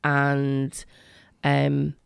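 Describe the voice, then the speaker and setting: Creaky-voiced woman, earnest radio guest. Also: very deep voice, monotone, very slow, dry recording, clean studio sound. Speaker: education worker, interview guest. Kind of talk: conversational radio interview.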